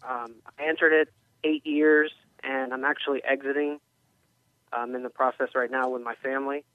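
A man calling a radio show, speaking in a measured, hesitant way with many pauses and ums. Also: mid-range voice, flat delivery, no room sound. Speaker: caller. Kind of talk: call-in radio talk. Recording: tinny phone line, dry.

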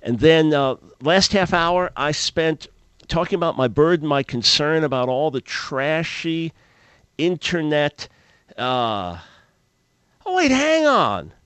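Earnest animated male radio host. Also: a little high, slow, clear, resonant tone, no echo. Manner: earnest, animated, repeats words and restarts often. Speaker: radio talk show host.

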